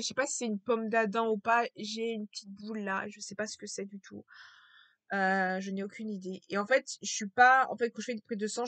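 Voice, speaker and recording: A woman talking to camera in a casual vlog with a low, strained voice, hesitant and repetitive, full of fillers and restarts. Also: a bit bright, no room sound. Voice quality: low, gravelly voice.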